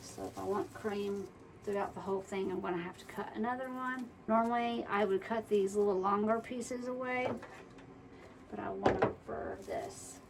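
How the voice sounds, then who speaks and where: A woman's voice: mid-range voice, fairly even intonation, moderate pace, vocal fry, far from the mic. A chatty woman walks through a crafting project, half talking to herself as she works. Her voice sits a little back from the mic, with a faint hiss of background noise underneath. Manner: chatty, mutters to herself while working. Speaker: wreath-making tutorial host. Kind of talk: casual crafting tutorial.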